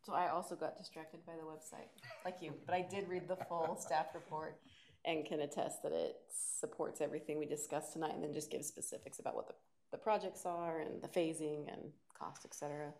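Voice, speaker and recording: Female chair with a low voice, conversationally moderating a public meeting. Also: steady tone, brisk, darkish tone, a little hiss or hum.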